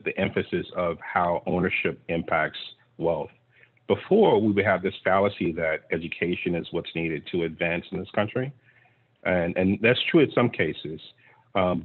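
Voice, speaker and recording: Low-voiced man over tinny video call. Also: slightly rough. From Texas. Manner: earnest, reflective storytelling. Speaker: panel guest, clean tech investor. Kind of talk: conversational panel talk.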